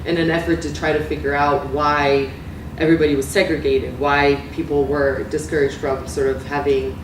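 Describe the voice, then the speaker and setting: A woman's voice: sits low, little pitch movement, normal speed, noisy background. Woman lecturing in an echoey hall. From Romania. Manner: conversational, many fillers and self-corrections. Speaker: guest lecturer. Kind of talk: academic lecture. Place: lecture room. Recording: echoey room from far off.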